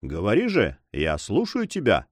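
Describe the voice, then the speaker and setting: A man's voice: fairly low pitch, wildly swooping pitch, moderate pace, no room sound, clean studio sound. A man voicing a composed, resolute male buccaneer leader with a wry edge.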